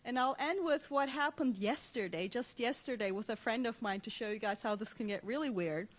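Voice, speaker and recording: A high-pitched woman from Turkey speaks at a conference. She tells her stories with lively energy, laughing often and restarting her sentences as she goes. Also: a little fast. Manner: animated storyteller with frequent laughs and restarts. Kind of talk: conference talk.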